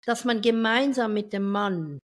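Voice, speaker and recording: A middle-aged woman, chatting in an interview about her work as a speaker, lively and talkative and quick to laugh. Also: mid-range voice. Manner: lively and talkative, drifts off topic, laughs often. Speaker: event speaker and finance professional. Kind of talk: casual interview chat.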